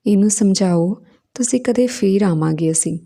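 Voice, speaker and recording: Older mother-in-law, polite, worried, gravelly voice, read by a woman. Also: mid-range voice, normal speed, warm tone. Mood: fretful.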